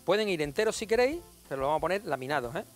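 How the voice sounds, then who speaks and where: High-voiced TV chef, jokey. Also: male voice, big pitch swings, very fast, faint music behind. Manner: playful and jokey, addressing viewers as family. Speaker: TV cooking show chef. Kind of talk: chatty cooking demonstration. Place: TV studio kitchen.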